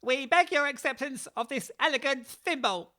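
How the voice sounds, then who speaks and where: A woman's voice: high-pitched, lively intonation, normal speed, a bit bright. A woman playing a solemn, pompous dodo bird in a full-cast audiobook, with a declamatory manner. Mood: grandly commanding.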